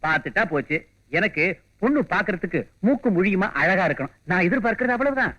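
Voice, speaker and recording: A quick, bantering doctor husband. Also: male voice, high voice, lively intonation, bright, forceful tone, highs cut off. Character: doctor, joking older brother and husband.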